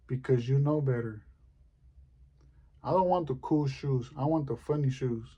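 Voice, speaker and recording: Mellow-voiced man doing deadpan stand-up. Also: medium pitch. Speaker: stand-up comedian. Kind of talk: stand-up comedy monologue.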